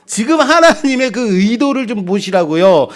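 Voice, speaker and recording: A man's voice: high voice, moderate pace. A male pastor preaching a sermon, asking the congregation rhetorical questions and acting out quoted speech. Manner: animated, acts out quoted speech.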